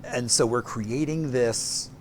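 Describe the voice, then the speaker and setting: A man's voice: mid-range voice, slow, a little hiss or hum. A man co-hosting a morning show in casual chat, easygoing and jokey, rambling a little.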